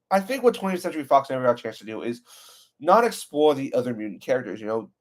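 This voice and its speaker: A man's voice: on the high side, darkish tone. A man hosting his own channel, talking through a film in a casual, enthusiastic way, full of "you know" and "like" fillers. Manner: enthusiastic, rambling with many fillers. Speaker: channel host. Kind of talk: casual movie review talk.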